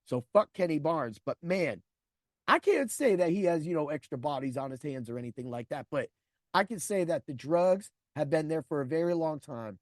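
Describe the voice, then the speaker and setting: A man's voice: a little high, animated, moderate pace, dry recording, studio quality. A man in his forties, a podcast host, telling a profane personal story and acting out the people in it. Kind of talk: storytelling monologue.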